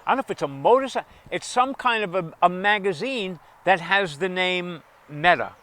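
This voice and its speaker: A man's voice: high voice, normal speed, bright, forceful tone. A man co-hosting a casual podcast chat, hesitant and profane as he muses on ethics. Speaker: podcast co-host.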